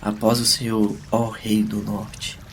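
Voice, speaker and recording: A sarcastic, knowing young mage from a fantasy audio drama, acted out by a man. He explains things wryly in a fairly low voice with very little melody. There is some faint noise on the recording. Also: level tone, a little fast, lightly acted, rough recording.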